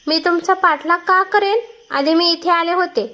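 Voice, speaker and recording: A woman reading a story aloud and voicing a calm, firm, kind young woman. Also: very high-pitched, normal speed, voice pushed up. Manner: calm, then sharp.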